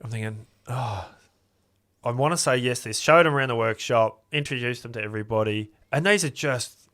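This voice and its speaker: A man's voice: medium pitch, fairly quick, fairly bright tone. Chatty Australian man telling a story. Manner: chatty, acts out both sides of remembered conversations. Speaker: podcast guest, custom car builder. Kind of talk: casual storytelling.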